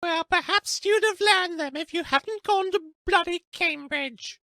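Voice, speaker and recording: A woman's voice: very high-pitched, unhurried, pushed and bright, no echo, studio quality, exaggerated voice. An actress playing a brash, flirty working-class Englishwoman with a sarcastic, saucy manner, in a game.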